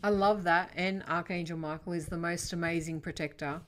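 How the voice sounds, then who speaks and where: A woman hosts a casual spiritual interview. Her voice sits a little low, and she tells her stories in an animated, dramatic way. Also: moderate pace. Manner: animated storytelling, dramatic retelling. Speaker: podcast host.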